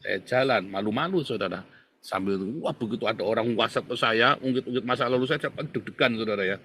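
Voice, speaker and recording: A male pastor giving a casual, conversational sermon. He talks to the congregation directly and swings between loud bursts and quiet asides. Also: mid-range voice, quick pace, a little hiss or hum. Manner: animated, colloquial, addresses listeners as "saudara".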